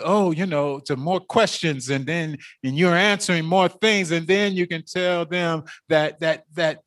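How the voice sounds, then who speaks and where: Male preacher, sermon, slow delivery, repetitive phrasing, rhetorical questions. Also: sits high, dry recording, clean studio sound. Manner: repetitive call-and-response phrasing with frequent "right?"; builds from quiet musing to loud exhorting.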